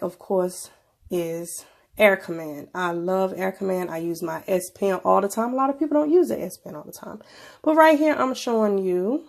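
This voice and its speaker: A woman's voice: on the low side, creaky, a little mellow. A woman with a stuffy nose from a cold, presenting a casual tech review in an informal, conversational way. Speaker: video presenter.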